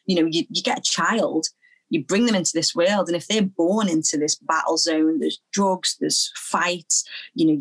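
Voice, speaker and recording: A young woman from Liverpool, speaking as an interview guest, earnest and halting, often repeating phrases as she recalls her past. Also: on the low side, poor audio. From Liverpool, England. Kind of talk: personal testimony in an interview.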